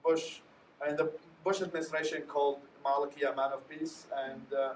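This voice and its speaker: A man speaks as a panelist, earnest and winding, often restarting his sentences. His voice sits a little high, and the sound comes from a distant mic in a reverberant hall with a faint hiss underneath. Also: little pitch movement, brisk. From Iraq. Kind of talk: panel discussion answer. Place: lecture hall.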